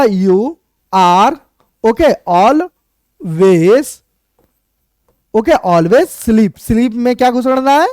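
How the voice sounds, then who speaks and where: With a mid-range, darkish voice and no room sound, a teacher uses Hindi to break down English grammar step by step. Questions are raised and answered, and each example sentence is spelled out slowly.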